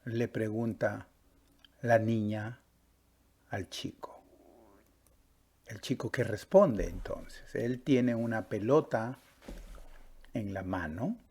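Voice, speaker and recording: A man teaches a Spanish grammar lesson at a slow, deliberate pace. His voice is gravelly and a little husky. He checks in with the listener as he explains each step. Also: fairly low pitch, mellow. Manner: patient, drawn-out, stops to ask "¿sí?" and "¿verdad?".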